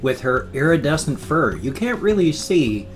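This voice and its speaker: A man with a fairly high voice talks casually with music behind him. His speech is a little slurred, as if his dentures sit loose, and he rambles, often repeating and rephrasing himself. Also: big pitch swings, normal speed. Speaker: vlogger showing pet hamsters. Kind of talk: casual chat to a webcam. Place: indoors, a room at home. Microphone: webcam setup.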